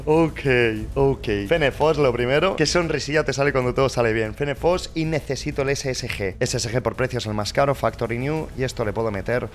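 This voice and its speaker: Spanish gaming streamer, swears a lot, goes from mutters to yells, even mid-range voice, faint music under him. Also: male voice, medium pitch, a little fast, hardly any pauses. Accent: Spain Spanish. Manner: swearing, excitable, swings between mutters and loud cheers. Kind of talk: casual commentary while opening cases.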